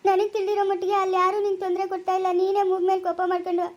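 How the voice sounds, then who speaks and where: Woman, Chikkaballapura Kannada accent, high rapid quarrelsome delivery for village family drama. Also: flat delivery, dull audio. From Karnataka. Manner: scolding, quarrelsome.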